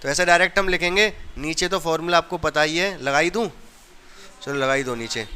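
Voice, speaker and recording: A man's voice: on the high side, a little fast, pushed and bright, slight background noise. A man from India teaching a maths class, explaining each step and often checking that the students have understood.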